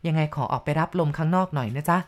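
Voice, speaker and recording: A woman voicing a young husband who speaks slowly and soothingly in a slightly lowered voice. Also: close to an everyday voice. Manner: slow, low, soothing. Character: calm young husband, gentle and reassuring.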